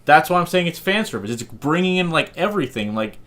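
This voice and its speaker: A man's voice: on the high side, big pitch swings, quick pace, a bit bright. A young man co-hosting a podcast in casual chat, blunt and argumentative, swearing freely. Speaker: podcast co-host.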